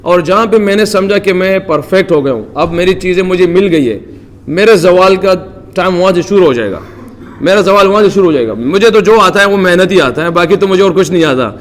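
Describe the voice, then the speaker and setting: In a large hall, a Pakistani cricketer with a voice that sits high gives earnest, devout answers at a press conference, leaning on many religious phrases.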